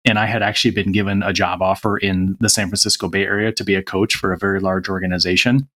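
A man with a very low, deep voice speaks as a podcast guest. He talks in an earnest, reflective way, in relaxed conversation. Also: fast. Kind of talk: casual conversation.

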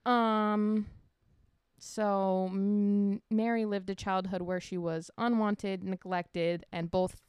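A woman's voice: mid-range voice, little pitch movement, takes it slowly, a little mellow, clear, resonant tone, dry recording. A woman co-hosting a podcast, chatting casually and telling a true crime story, laughing and swearing now and then. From Washington state. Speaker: podcast co-host.

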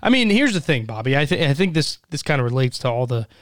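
A man's voice: mid-range voice, big pitch swings, fast, no echo, clean studio sound. A man co-hosting a casual podcast, cracking jokes and reacting with profane banter. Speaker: podcast co-host. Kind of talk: casual chat.

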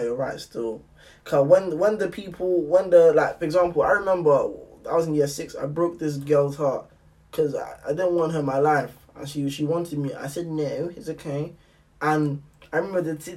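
Young man, London roadman accent, slightly off-mic, fairly high pitch, slangy, musing, repetitive casual chat. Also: a little mellow, distant mic. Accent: London, urban roadman slang. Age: young adult. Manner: slangy, musing, repeats phrases.

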